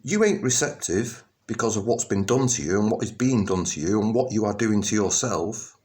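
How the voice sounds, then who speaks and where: Speaking to camera, this middle-aged man from England delivers a rambling personal monologue in a fairly low, slightly mellow voice with lively intonation. The vlogger stumbles through ums and restarts before erupting with emphasis.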